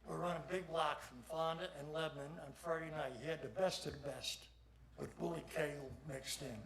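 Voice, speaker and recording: A man's voice: on the high side, fairly even intonation, a little fast, creaky, a crowd in the background. An older man, a longtime motorsports official, giving a plainspoken, rambling tribute speech at an induction ceremony. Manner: plainspoken, salty, rambling storyteller. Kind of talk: folksy anecdotal tribute speech. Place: induction ceremony hall with audience. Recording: audience noise throughout.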